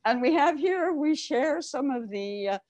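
A woman's voice: high-pitched, lively intonation, measured pace, a little mellow, dry recording. An older woman speaking through a face mask, explaining things as she guides a group on an informal office tour, wearing a clip-on mic. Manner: explanatory, addressing a group while walking. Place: open-plan office, indoors. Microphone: clip-on lapel microphone.

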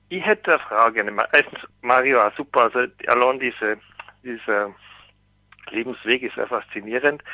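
A man's voice heard down a landline telephone line, very bright and sharp in tone. He talks eagerly, feeling for his words with small fillers. The sound is dry, with no room around it. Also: mid-range voice, no echo. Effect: voice over a landline telephone line. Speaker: radio call-in caller. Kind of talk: casual call-in question. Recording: voice over a phone line.

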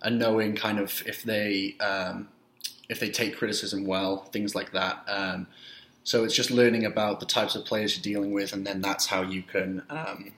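A young man from Wales answers interview questions in a low, monotone voice, stopping often on fillers. His voice comes through a laptop webcam in a small room and carries a noticeable room echo. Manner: halting, many fillers, measured. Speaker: youth soccer coach, guest. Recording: roomy webcam audio.

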